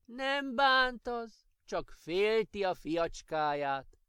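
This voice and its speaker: A kind old grandmother soothes and explains in a raised, gentle voice, put on by a man reading a children's storybook. Her speech is patient and smooth, rising and falling with warmth toward her grandchild. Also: high-pitched, sing-song, no echo, studio quality, voice pushed up, heavily acted. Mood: soothing.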